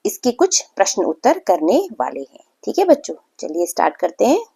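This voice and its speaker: A young woman teaching a grammar lesson to children, patient, repeating words slowly and often checking in with the class. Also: medium pitch, wildly swooping pitch, creaky, mellow, husky. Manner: frequent "theek hai" check-ins.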